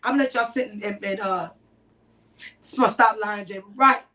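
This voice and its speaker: A woman co-hosting a podcast, telling a story to listeners in a casual, animated way and talking straight to them. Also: medium pitch, moderate pace, far from the mic, rough recording. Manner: animated, addresses listeners directly. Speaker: podcast co-host.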